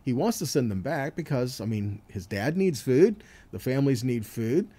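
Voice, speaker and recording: This Bible teacher's weekly session is an informal sermon with scripture readings, delivered in an expressive, mellow, slightly rough voice of medium pitch at a moderate pace. He's conversational, checking in with rhetorical questions and "right?"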